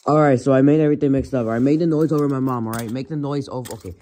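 A man's voice: medium pitch, steady tone, very fast, mellow. A man hosting a homemade elimination series at home, calling out names one after another in a casual, rambling way and often correcting himself. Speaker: host of a toy car elimination series. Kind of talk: casual play-by-play narration.

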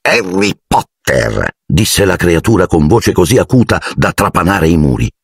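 A man narrating an audiobook with expressive, dramatic storytelling. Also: low voice, moderate pace, slightly rough, dry recording, studio quality.

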